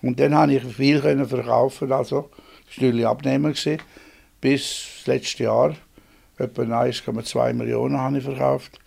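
A man's voice: medium pitch, level tone, normal speed, gravelly, darkish tone, husky. A man in his eighties with a Swiss German accent, telling his own story in a rambling, plain-spoken way from his small home office. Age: 80s. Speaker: inventor interviewed. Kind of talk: reminiscing interview.

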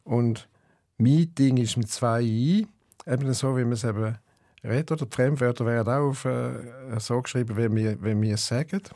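A poet with a St. Gallen Swiss German accent speaks in a dry, close recording. He talks thoughtfully about his writing and his dialect, with frequent hesitations and fillers. His pitch sits in a middle range. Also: normal speed, warm tone, dry recording. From eastern Switzerland. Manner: rhythmic, chanting recitation when reading poems; thoughtful, with many hesitations when talking. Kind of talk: interview and poetry reading.

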